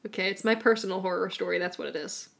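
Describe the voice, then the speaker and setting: A woman hosting a podcast from home in casual chat, blunt, bossy and quick to swear. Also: on the low side, vocal fry, a bit bright. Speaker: podcast host.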